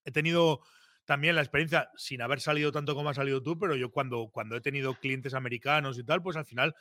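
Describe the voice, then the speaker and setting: A man's voice: medium pitch, fast, no echo, studio quality. A man hosting a podcast chat, telling stories and swearing freely. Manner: swears freely, animated storytelling. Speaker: podcast host, fishing guide. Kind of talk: casual chat.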